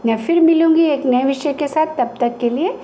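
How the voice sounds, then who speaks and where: Female teacher, high voice, patient and slow on each example word, light background noise. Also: mellow. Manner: patient, repeats example words slowly. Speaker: Hindi teacher. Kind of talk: explaining a grammar lesson to children.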